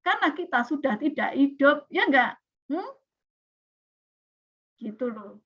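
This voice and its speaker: A woman teaches a class in a lively way, checking in with her students as she goes. Her voice sits high. The recording sounds dull and lo-fi. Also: a little slow. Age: 40s. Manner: lively, questioning students often. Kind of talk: classroom lecture.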